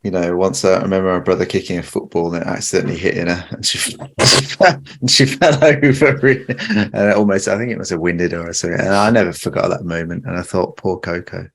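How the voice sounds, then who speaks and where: A man's voice: deep voice, fast. A young man from Cornwall, a podcast guest telling stories with easy laughs, calling in wearing earphones. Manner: relaxed, laughs through stories. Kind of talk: casual chat. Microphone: remote call with earphones.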